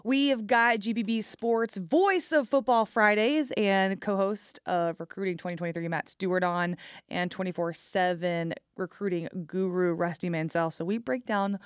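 A woman co-hosting a sports podcast, setting up topics and introducing guests in a brisk, organized way. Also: medium pitch, steady tone, smooth, no room sound, studio quality. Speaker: podcast co-host.

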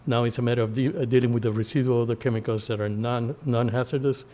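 A man speaking to reporters as a government official, halting, in a distant reverberant recording. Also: medium pitch, fairly even intonation, mellow. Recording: distant, long reverberant hall sound.

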